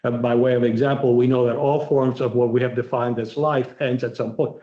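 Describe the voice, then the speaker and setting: A man lecturing students on moot court advocacy, emphatic and repetitive, slowing right down to stress key points. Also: medium pitch, flat delivery, warm tone, roomy sound, highs cut off. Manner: emphatic, repetitive, direct coaching; varies pace, slowing sharply for emphasis.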